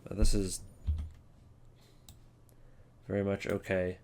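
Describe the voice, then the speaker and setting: This man sits low in pitch and speaks slowly with a completely flat delivery and a darkish tone, and a little hiss or hum runs under the audio. He's a video creator ranking game voice lines, rambling casually in an offhand, hesitant way and often cutting himself off.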